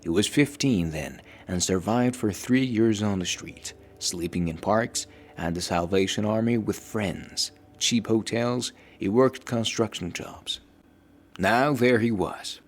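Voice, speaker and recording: A man reading a scripted story aloud as narrator, in a steady, measured storytelling delivery. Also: fairly low pitch.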